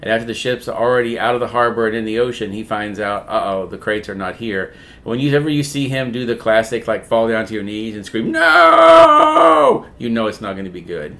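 Lowish-voiced man retelling a movie. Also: a little fast. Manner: profane, animated retelling. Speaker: podcast co-host. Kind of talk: casual movie chat.

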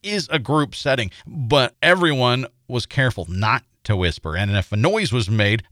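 An American man narrating a scripted paranormal feature as host, in a measured, suspenseful storytelling manner. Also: medium pitch, lively intonation, fairly bright tone, no room sound, clean studio sound.

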